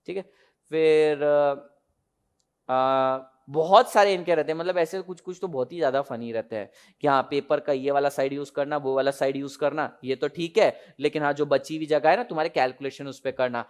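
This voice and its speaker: A man's voice: a little high, steady tone, moderate pace, clear, resonant tone. A young man giving a classroom lecture as an exam tutor, explaining concepts with humorous everyday examples and frequent questions to students.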